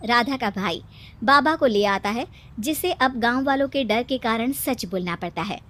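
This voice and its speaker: A woman's voice: on the high side, lively intonation, normal speed, a bit bright. A woman narrating a cartoon story in a plain storytelling manner. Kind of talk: scripted narration.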